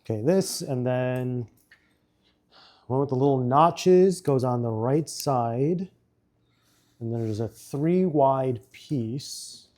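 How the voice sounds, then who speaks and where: A man's voice: mid-range voice, dark tone. A man streaming as he builds a model set, chatting casually and talking himself through each step. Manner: slow, muttering step-by-step instructions to himself. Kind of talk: casual chat while building.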